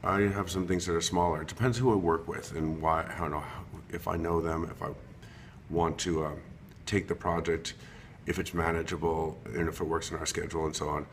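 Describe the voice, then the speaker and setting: Deep-voiced man, fifties, hesitant and halting, lots of ums, unrehearsed, faint background noise. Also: level tone. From Long Island, New York. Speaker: interior designer. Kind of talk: unrehearsed self-recorded video introduction.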